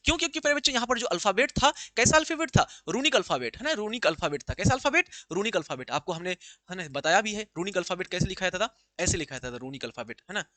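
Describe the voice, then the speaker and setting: A man with a Bihari Hindi accent teaching an exam-prep lesson, reading English lines slowly and explaining each one, with many "hai na" checks to his students. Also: high-pitched, big pitch swings, sharp tone, no room sound. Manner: repeats "pyare bachchon" and "hai na", reads English lines slowly then explains them.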